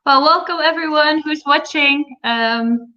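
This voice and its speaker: A woman's voice: sits high, a little slow, sharp tone, highs cut off. Hesitant woman from the Netherlands. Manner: hesitant, many fillers. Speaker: guest speaker, social entrepreneur. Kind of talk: online conference presentation. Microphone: video call.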